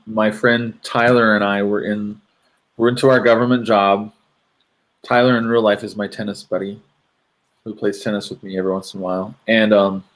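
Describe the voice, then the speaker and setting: Male co-host, lowish pitch, rambling casual dream recap. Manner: rambling, hesitant with many fillers. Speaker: podcast co-host.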